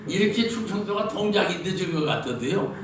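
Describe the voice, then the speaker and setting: Heard at a distance in a hall full of echo, with faint noise in the background, a Korean pastor from Chungcheong delivers a sermon. His voice is high, animated, and fairly fast as he spins humorous stories and throws out rhetorical questions.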